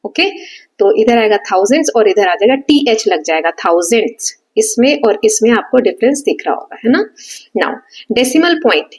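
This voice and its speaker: A woman teaching a maths revision lesson at a board. She explains step by step, mixes Hindi with English terms and often checks that students follow. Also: sits high. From India. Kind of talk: exam revision lesson at a whiteboard.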